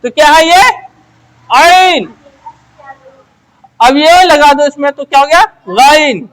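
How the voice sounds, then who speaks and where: A woman with a high voice teaches how letters are written, step by step. She keeps asking quick questions and answering them herself. She repeats her phrases as she works through each shape. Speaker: Urdu teacher. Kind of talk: letter-by-letter script lesson.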